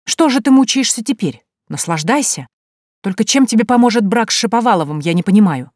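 A woman's voice: fairly low pitch, a little fast, darkish tone, dry recording, studio quality, lightly acted. A woman voicing an indignant older mother. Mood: reproachful. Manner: reproachful, raised and scolding. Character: older gray-haired mother, disapproving and indignant.

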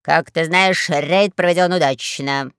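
A woman voicing a pompous, blustering male space admiral in a storybook, loud and self-important. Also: sits low, a little slow, smooth, no room sound, studio quality. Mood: nervous, reporting. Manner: shouting, pompous.

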